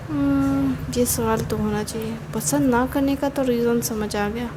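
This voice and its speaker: A woman's voice: fairly high pitch, fairly even intonation, unhurried, noisy background, natural voice. A woman voicing a young man, the hero of a romantic story, who muses aloud in confusion and speaks to his friend curtly. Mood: puzzled musing. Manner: muttering to himself, then curt and cold.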